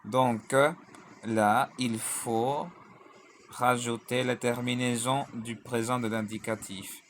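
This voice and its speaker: Male teacher, unhurried and methodical, spells endings out, mid-pitched voice, faint room hum behind. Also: level tone. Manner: deliberate, spells out endings letter by letter; drills conjugations in lists. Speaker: language teacher. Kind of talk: French grammar lesson.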